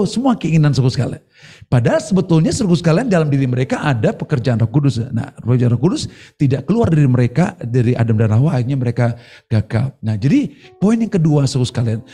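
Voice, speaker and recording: A man's voice: fairly high pitch, mellow. A male pastor preaching at a church service streamed online, acting out bits of dialogue in a playful way. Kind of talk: sermon.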